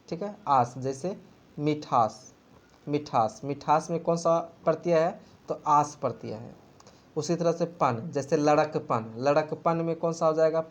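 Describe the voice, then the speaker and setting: A man's voice: a little high, lo-fi sound. A man teaching an exam-prep grammar lesson, asking a question and answering it himself. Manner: repetitive question-and-answer drilling.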